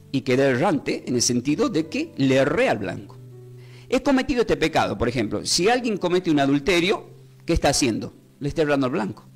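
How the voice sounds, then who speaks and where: Rioplatense male pastor, higher voice, very lively delivery, soft music underneath. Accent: Rioplatense Spanish. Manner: animated, conversational, asks the class frequent questions. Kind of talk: Bible class teaching.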